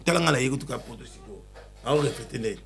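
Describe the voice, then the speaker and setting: A man talking excitedly in a casual chat, switching between Lingala and French. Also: medium pitch, quick pace.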